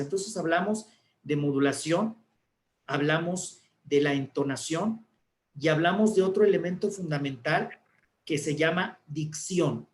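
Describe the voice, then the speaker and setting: A man, an announcer, explaining speaking techniques in a relaxed talk and demonstrating intonations. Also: a little high, reverberant. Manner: didactic, demonstrates intonations with examples. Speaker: guest speaker, announcer and communicator.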